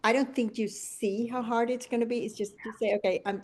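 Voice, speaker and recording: A middle-aged Venezuelan woman hosts a conversational interview in a podcast-style tone, telling stories reflectively and frequently restarting. Her voice is slightly high and a little mellow, brisk, with fairly even intonation.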